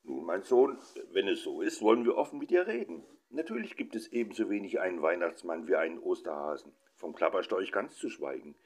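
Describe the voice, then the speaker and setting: A man's voice: low voice, big pitch swings, brisk, a little mellow, heavily acted. A man voicing a stern, pompous middle-aged father who lectures his children.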